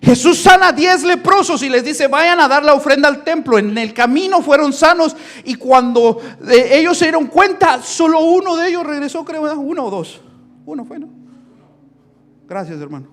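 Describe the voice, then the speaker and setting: A male pastor preaching a sermon in a church on a handheld microphone, joking in quiet asides and then building to shouted preaching. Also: extremely high pitch, expressive, normal speed.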